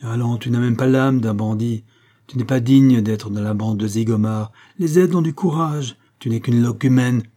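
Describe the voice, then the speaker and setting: A man's voice: medium pitch, normal speed, warm tone, lightly acted. Cold detective chief, contemptuous and in control, as a male reader puts him on. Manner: commanding, scornful. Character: commanding male detective posing as gang chief, cold, stern.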